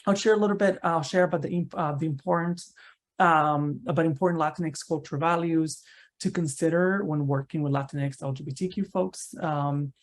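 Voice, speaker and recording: A man's voice: a little high, fairly even intonation, normal speed. Man presenting an online seminar. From Cuba. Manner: conversational, tags sentences with "right?", frequent restarts. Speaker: university researcher giving a seminar talk. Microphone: video call.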